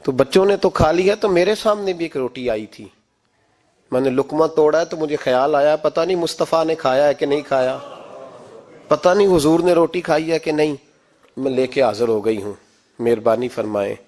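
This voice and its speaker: A preacher with a Pakistani Urdu accent delivers a sermon in a fairly high male voice. He swings from soft storytelling to emphatic, impassioned peaks and acts out the voices of the people in his stories.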